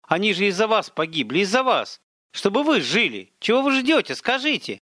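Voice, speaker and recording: A man reading an audiobook voices a defiant young woman doctor, raising his voice into high-strung shouted outbursts. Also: very animated, fast, no echo, studio quality, heavily acted. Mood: anguished shouting.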